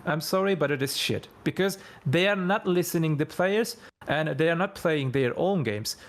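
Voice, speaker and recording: Male gamer panelist, foreign-accented non-native English, slightly higher voice, emphatic and repetitive delivery. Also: animated, normal speed. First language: not English. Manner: emphatic, repeats points for stress. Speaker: veteran gamer on a discussion panel. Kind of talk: unscripted opinion in a group call.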